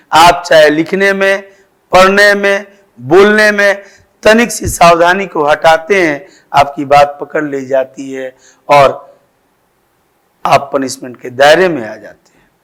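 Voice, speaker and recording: Indian guy teaching grammar to kids, slow careful talk, fairly high voice, stretches out the examples. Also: fairly bright tone. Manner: slow, deliberate explaining with drawn-out example phrases. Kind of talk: school grammar lesson.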